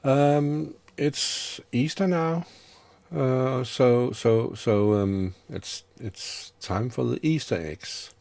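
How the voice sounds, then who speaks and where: A man's voice: mid-range voice, drawn-out words, creaky, darkish tone, no echo. A man hosting a casual online stream, hesitant and full of fillers. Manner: hesitant, many fillers, chuckling. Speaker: host.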